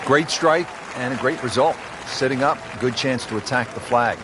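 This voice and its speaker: A man voicing a calm golf play-by-play announcer in a video game, calling shots in a measured way. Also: medium pitch, noisy background, natural voice. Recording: game audio with music and crowd.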